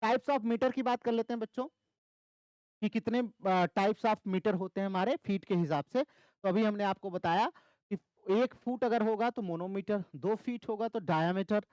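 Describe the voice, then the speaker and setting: A man's voice: high-pitched, unhurried, a little mellow, dry recording, low-quality recording. A man teaching English literature for exam preparation, repeating key terms and asking and answering his own questions. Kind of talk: exam-prep lecture.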